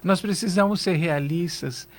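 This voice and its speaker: A man's voice: high-pitched, moderate pace. A man with a Brazilian accent, a psychologist guest on a radio show, giving earnest advice and asking rhetorical questions. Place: radio studio.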